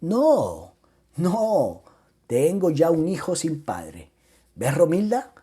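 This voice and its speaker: A man's voice: a little high, huge pitch swings, a little slow, warm tone, breathy edge. A man reading a novel aloud in the first person, acting out the quarrels of its characters with theatrical expression. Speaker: audiobook narrator.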